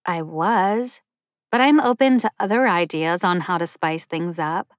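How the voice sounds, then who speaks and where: A woman's voice: lowish voice, measured pace, no echo, clean studio sound, close to an everyday voice. A woman doing a bubbly, eager young woman. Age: 20s. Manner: excited, pushy, bouncing. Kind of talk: audiobook character voice.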